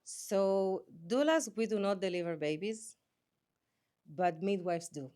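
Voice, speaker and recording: A woman's voice: mid-range voice, slow pace, warm tone. A woman working as a doula, speaking earnestly. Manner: earnest, repeats and restarts phrases. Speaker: doula, interview guest. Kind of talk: conversational interview.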